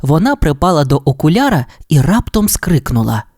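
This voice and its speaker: A woman's voice: low voice, sing-song, brisk, a little mellow, husky, dry recording, studio quality. A woman narrating a children's audio storybook, addressing the young listener directly.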